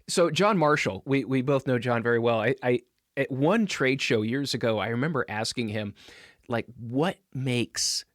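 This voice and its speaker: A man's voice: medium pitch, normal speed, no echo, clean studio sound. A man hosting a podcast, chatty and enthusiastic, laughing easily and using many fillers. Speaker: podcast host. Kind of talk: casual conversation.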